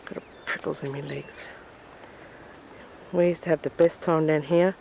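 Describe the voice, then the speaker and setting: Aussie woman showing round her old family house, talks slow, reminiscing, camcorder mic. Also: low-pitched, steady tone, vocal fry, a little mellow, slight background noise, poor audio. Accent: Australian. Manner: reminiscing, chatty narration while walking. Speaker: family member giving a home tour. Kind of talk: casual home-video walkthrough. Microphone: camcorder microphone.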